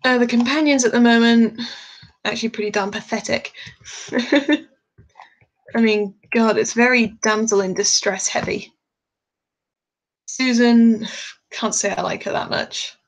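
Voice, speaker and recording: A woman's voice: fairly high pitch, steady tone, normal speed, rough recording. A woman chatting casually on a live stream while she draws, a bit tired, rambling and laughing often.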